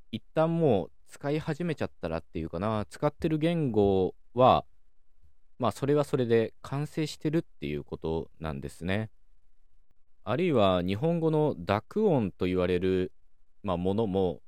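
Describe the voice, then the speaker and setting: A man hosting a calm solo talk show, explaining things in a measured way with many soft fillers. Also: fairly low pitch, dry recording, studio quality. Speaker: podcast host.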